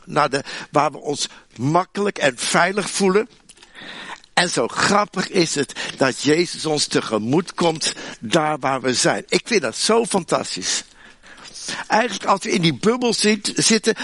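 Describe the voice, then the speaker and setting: A man preaching a sermon in a chatty, humorous way, with asides to the listeners, animated and with many restarts. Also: fairly high pitch, no echo. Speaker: pastor.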